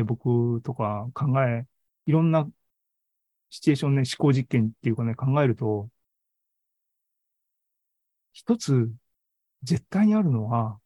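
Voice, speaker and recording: This mid-range male voice has a dark tone, and the recording is dry and dull. He is the presenter of an online AI seminar and podcast, talking casually about tech from indoors on a live video call. He muses out loud and keeps checking that listeners agree, ending sentences with frequent tags.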